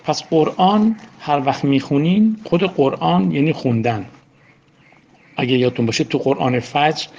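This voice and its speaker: A man's voice: medium pitch, lo-fi sound. A man giving an informal religious lecture, talking conversationally and often asking his listeners questions. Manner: conversational, asks the audience questions. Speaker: religious teacher.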